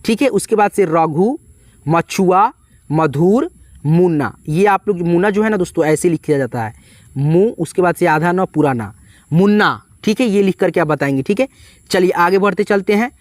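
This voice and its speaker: A man's voice: high-pitched, lively intonation, moderate pace, a little mellow, no echo. Male tutor, patient step-by-step spelling lesson, dry and close to the mic. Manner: spells letter by letter, repeats "ठीक है" and "दोस्तों". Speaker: English teacher.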